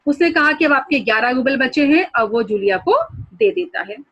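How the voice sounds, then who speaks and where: A woman's voice: high voice, big pitch swings, moderate pace, gravelly, fairly bright tone, dull audio. A woman teacher explaining a story lesson to students, guiding them through pictures and new words.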